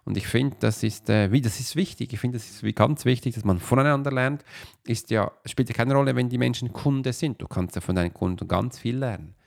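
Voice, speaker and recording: A man's voice: medium pitch, brisk, gravelly. A man hosting a podcast, talking casually at his computer in a rambling way full of filler sounds. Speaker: podcast host and coach. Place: at his computer while uploading a video.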